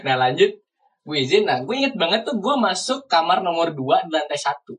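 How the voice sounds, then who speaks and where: A young man tells a story on a casual home podcast, slightly higher-pitched than most men and husky in tone. He bursts loud now and then, and he sits a little back from the microphone. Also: fairly quick. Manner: animated storyteller, sudden loud outbursts. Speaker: podcast co-host. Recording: distant mic in a room at home.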